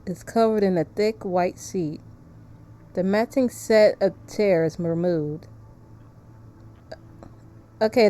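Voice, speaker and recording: A woman streams a visual novel, switching between casual commentary and reading the game's text aloud. Her voice is soft-edged and mellow, at a middling pitch for a woman.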